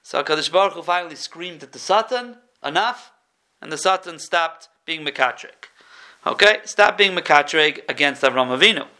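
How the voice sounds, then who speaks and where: An animated man giving a Torah class, with a higher-pitched, bright and forceful voice. He teaches with lively energy and acts out each quote he tells. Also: brisk.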